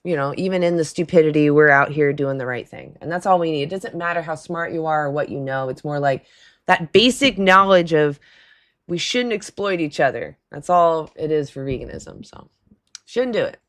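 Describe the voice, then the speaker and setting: A woman with a raspy voice and hoarse throat hosts a loose, casual call-in livestream, frequently laughing and talking back to her chat. Her voice sits low and she keeps a moderate pace.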